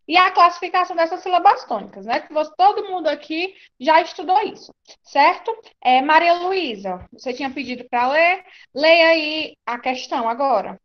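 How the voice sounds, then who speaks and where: A woman's voice: sits high, expressive, normal speed, lo-fi sound. A woman with a Brazilian Portuguese accent teaching an online class, reassuring and often asking "tá certo?".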